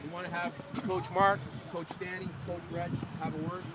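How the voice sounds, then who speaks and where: A man's voice: high voice, level tone, moderate pace. A man coaching youth football, giving an emphatic, rallying post-game speech to his team outdoors. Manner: emphatic, rallying, addressing a group. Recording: very noisy outdoor recording.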